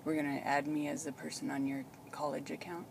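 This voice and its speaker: A woman speaks casually and reassuringly in a voice full of vocal fry. She explains things simply, like a caregiver, recorded inside a car with clear background noise. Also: low-pitched, flat delivery, fairly quick. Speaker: caregiver filming a patient. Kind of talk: casual chat.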